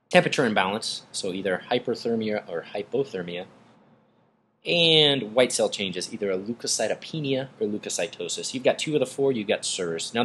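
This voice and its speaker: Husky-voiced man teaching emergency medicine. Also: on the low side, fairly bright tone. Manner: enthusiastic, explanatory, board-review teaching. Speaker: emergency physician podcast co-host.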